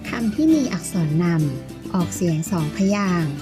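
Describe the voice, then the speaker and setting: A woman teacher leading a children's reading lesson, asking young pupils gentle questions and sounding out words. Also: on the low side, big pitch swings, normal speed, music in the background. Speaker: primary school teacher.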